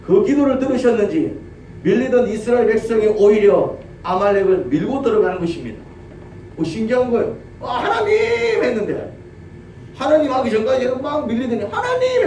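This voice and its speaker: A male pastor with a Gyeongsang accent preaching a sermon, telling the story lively and asking his congregation questions. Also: high voice, quick pace. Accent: Gyeongsang Korean. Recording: roomy church audio from a distance, faint noise.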